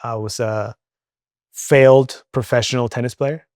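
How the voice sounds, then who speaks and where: Young guy from venezuela, no accent, chatty interview guest, lots of likes and ums, smooth voice. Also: mid-range voice, steady tone, measured pace, darkish tone, no room sound, clean studio sound. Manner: candid, chatty, many fillers like "um" and "like". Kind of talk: casual interview talk.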